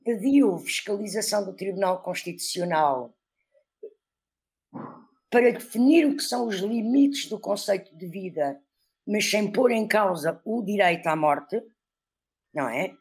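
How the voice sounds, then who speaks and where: A woman with a European Portuguese accent, commenting on politics in a panel discussion, thinking aloud deliberately. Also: medium pitch, lively intonation, a little mellow, breathy edge.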